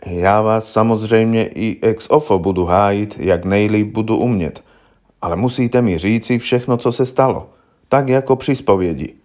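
A man's voice: on the low side, a little mellow, natural voice. A man voicing a young, naive defense lawyer who speaks formally and patiently, explaining things to his client. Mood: earnest.

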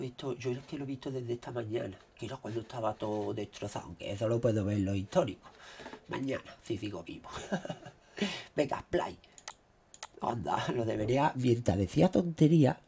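A man with a Spain Spanish accent, his throat dry after a cold, excitedly commenting on what is on his screen. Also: mid-range voice, creaky, a little hiss or hum. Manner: excitable, exclaiming, keeps saying "look". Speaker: vlogger. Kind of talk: casual commentary on screen recording.

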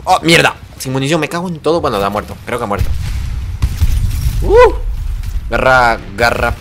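A young man, excitedly commentating his own gameplay and swearing at the action. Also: medium pitch, quick pace, slight background noise. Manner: excitable, swearing, reacting loudly to the game. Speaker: gamer.

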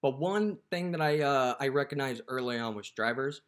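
A young male dispatcher walks the camera through an app, speaking casually at a normal speed in a slightly bright, mid-range voice. He says "you know" often, and he's recorded close up in a dim indoor room.

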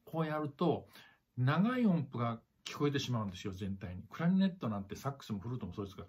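Husky-voiced male clarinet teacher. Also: mid-range voice, very animated, racing, darkish tone, soft background music. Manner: sings rhythms aloud to demonstrate; repeats points, addresses listeners directly. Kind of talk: spoken music lesson. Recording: dull lo-fi recording.

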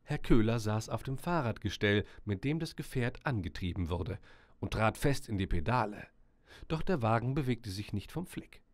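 A man narrating a storybook with gentle, expressive storytelling. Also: fairly low pitch, normal speed, no room sound.

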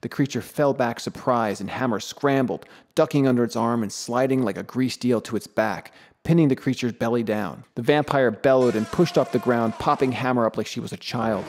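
A man giving scripted audiobook narration with a steady storytelling delivery. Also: medium pitch.

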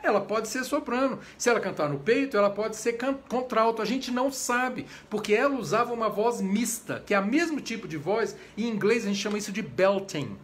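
A Brazilian conductor with a Brazilian Portuguese accent, giving a chatty, informal lecture on voice types. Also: male voice, high voice, a little fast, few pauses, a little hiss or hum. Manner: animated, chatty, breaks into short sung examples. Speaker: conductor and voice teacher. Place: home during quarantine.

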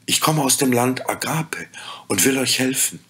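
Ein Mann spricht in einer Märchenlesung eine gütige Fee, leise, langsam und sanft. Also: male voice, mid-range voice, expressive, slightly rough, voice pushed up, exaggerated voice. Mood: gentle. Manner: soft, slow and quiet. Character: gentle kind fairy woman, calm and wise.

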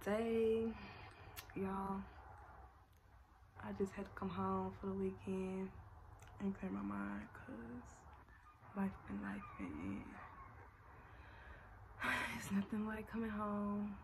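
A young woman vlogger, talking casually and emotionally into a phone camera, soft and reflective, close to tears, sometimes nearly whispering. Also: medium pitch, lively intonation, slow, creaky, long pauses, noisy background. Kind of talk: casual, emotional vlog talk.

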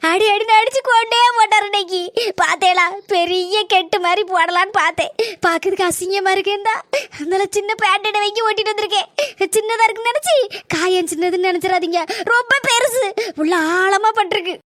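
A woman's voice: very high-pitched, steady tone, brisk, fairly bright tone, dry recording, studio quality. A woman voicing a whining, pleading young village wife with a Kanyakumari Tamil accent in a cartoon comedy. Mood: weepy. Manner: weepy, pleading.

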